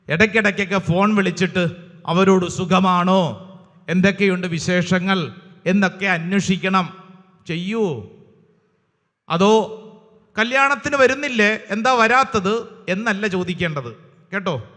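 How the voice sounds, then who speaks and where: A man with a high tenor voice preaches a sermon to a congregation, repeating his lines for effect and calling out for shouted hallelujahs. His voice rings with the long reverb of a large worship hall. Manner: call-and-response, urging the crowd to shout hallelujah; retells Bible passages and stories with dramatic repetition.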